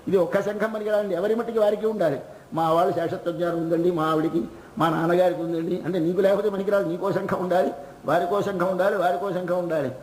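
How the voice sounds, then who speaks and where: Sermon speaker: man, Telugu accent, high voice, poses and answers his own questions, echoey hall with faint hiss. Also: fairly even intonation, a little mellow. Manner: chants verses in a slow singsong. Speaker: religious discourse speaker. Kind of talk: devotional sermon.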